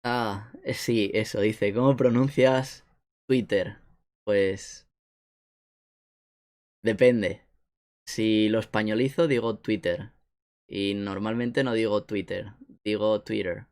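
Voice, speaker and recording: A man's voice: on the low side, steady tone, takes it slowly, long pauses, a little mellow. A young man from Spain with an Asturian accent, chatting casually on a live stream and reading chat messages aloud with a joking tone. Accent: Asturian Spanish.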